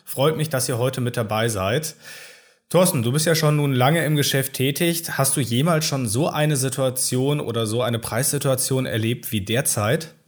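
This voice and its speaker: A man's voice: medium pitch, normal speed. A man hosting a podcast, giving friendly, scripted introductions and asking questions. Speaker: podcast host. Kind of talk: podcast interview.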